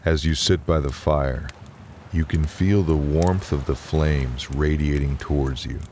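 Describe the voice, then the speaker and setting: A man narrates guided relaxation and bedtime tales in an exceptionally deep voice. His delivery is slow, calm and soothing, never hurried. A faint bed of waves and crackling fire sits behind him.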